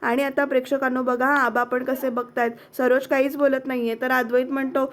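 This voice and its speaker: A woman's voice: high voice, little pitch movement, fairly quick. A woman reviewing a TV serial episode, retelling the scenes and quoting the characters' lines while she speaks directly to her viewers.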